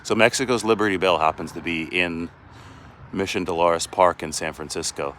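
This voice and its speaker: A man's voice: deep voice, steady tone, normal speed, a bit bright, slight background noise. A sports reporter chatting casually outdoors while walking with a handheld phone camera, rambling and often restarting his sentences. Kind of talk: casual live walking vlog. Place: outdoors on city streets and in a park.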